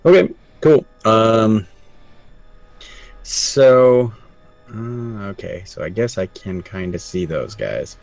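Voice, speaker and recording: Man at the game table, deep and unhurried, still groggy, mulling his moves aloud. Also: lively intonation, gravelly, a little mellow, soft background music. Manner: slow, hesitant, thinking aloud with fillers. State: groggy morning voice. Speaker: player.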